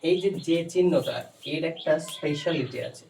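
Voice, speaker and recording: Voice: mid-range voice, moderate pace, a little mellow. A teacher giving a patient phonics lesson, repeatedly asking the learner questions and checking understanding. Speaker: spoken English teacher. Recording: distant mic, faint background noise.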